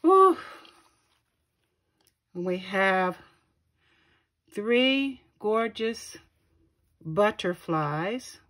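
Slow, gushing woman showing off craft gifts. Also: mid-range voice. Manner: slow, gushing, pausing often to find words. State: keeps clearing her throat. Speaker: craft channel host. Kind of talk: casual show-and-tell unboxing.

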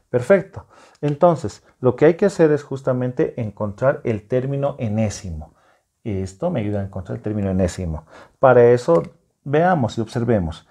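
A man's voice: medium pitch, creaky, mellow, husky. A man teaching a math lesson to secondary students at a whiteboard. He explains step by step, reassures the class, and keeps checking that they follow. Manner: patient, explaining step by step with frequent check-in questions.

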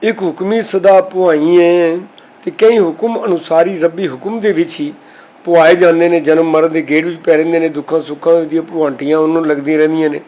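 A man teaching and explaining a scriptural text, who slows down to recite each quoted verse before explaining it. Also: a little high, fairly even intonation, darkish tone. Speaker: Gurbani teacher. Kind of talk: scriptural exposition lesson.

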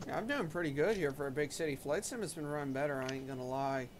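A man's voice: on the high side, quick pace, a little hiss or hum. A man hosting a casual gaming stream, chatting with friends and narrating his flight aloud. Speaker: streamer and host.

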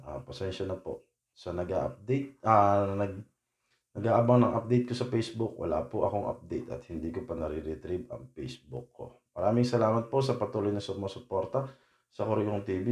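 A man from the Philippines giving a polite, casual vlog update to his viewers, often pausing with "ah" fillers. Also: deep voice, a little mellow, roomy sound. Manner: polite, uses po, hesitant with frequent "ah" fillers. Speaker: vlogger.

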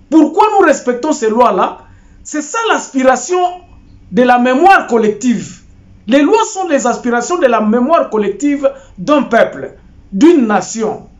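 An older man from Congo (DRC) gives political commentary to camera from a small home office. He's animated, gesturing, with many repeats and restarts of his words. His voice is very high-pitched, and the audio sounds dull.

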